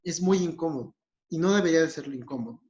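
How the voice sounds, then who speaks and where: A man's voice: fairly high pitch, quick pace, darkish tone. A man with a Mexican accent explaining a therapy technique in a recorded lesson, often checking in with his listeners. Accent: Mexican Spanish. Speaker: psychologist. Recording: dull lo-fi recording.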